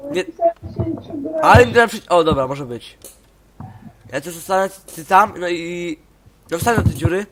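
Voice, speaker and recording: Teen boy, let's play host, excitable and crude, noisy recording. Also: on the high side. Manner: crude teasing, bossy and excitable. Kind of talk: casual gaming banter.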